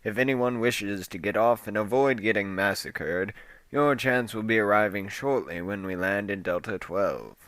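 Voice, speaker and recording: A man's voice: lowish voice, moderate pace, fairly bright tone, slight background noise, lightly acted. A man playing a commanding, wisecracking male rebel leader who gives orders to his crew. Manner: commanding, sarcastic.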